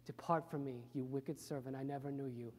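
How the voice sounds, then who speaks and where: A man voicing a stern master from a parable, speaking low, quiet and solemn. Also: steady tone, a little fast, a crowd in the background, natural voice. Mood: condemning. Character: stern male master judging his servants. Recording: reverberant church hall.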